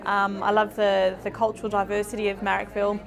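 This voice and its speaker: A woman's voice: medium pitch, monotone, quick pace. An Australian woman from Melbourne, a local parent, speaking thoughtfully with hesitant ums in a street interview. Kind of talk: vox pop interview. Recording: street crowd noise behind.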